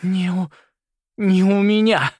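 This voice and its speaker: A man's voice: high voice, lively intonation, unhurried, creaky, fairly bright tone, no echo, clean studio sound, pitched above the performer's own voice, full character voice. A man voicing an older grandmother she-wolf, pleading and fierce in a read-aloud story. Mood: defiant. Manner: pleading, then snarling. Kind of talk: audiobook character voice.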